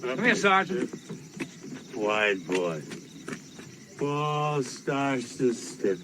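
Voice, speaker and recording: An actor playing a drunk, bitter army sergeant who slurs and taunts, then breaks into anguish. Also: male voice, medium pitch, very animated, extremely slow, background noise. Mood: taunting. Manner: slurred, taunting, swinging into anguish. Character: drunk, bitter, self-loathing army sergeant, adult man.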